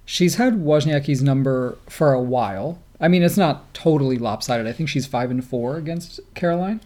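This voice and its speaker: A man with a Great Lakes American accent talks in a medium-pitched voice. He co-hosts a podcast, offering casual, conversational sports commentary. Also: moderate pace, mellow. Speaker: podcast co-host.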